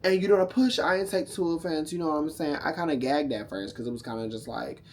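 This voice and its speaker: A man's voice: on the high side, quick pace, a little hiss or hum. A tipsy man telling a casual, profane story to camera, sassy and rambling, often losing his thread. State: drunk, tipsy.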